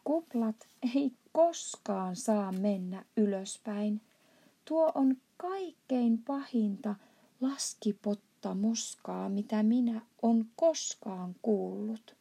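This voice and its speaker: A huge, good-natured old giant bellows in broken, made-up words, played by a woman reading aloud. The voice is dark and gravelly with a husky edge. He swings from earnest explaining to loud indignation, a storybook giant. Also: medium pitch. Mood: indignant, shouting. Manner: mangled grammar and made-up words, shouts in outbursts. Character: huge kindly old male giant, blustering.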